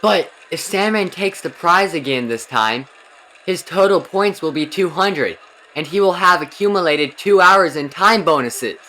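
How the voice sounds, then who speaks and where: A man's voice: on the high side, animated, measured pace, sharp tone, poor audio. A man voicing an earnest young horse racer in an emphatic, overacted anime fan dub, explaining as he goes. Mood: earnest, concerned.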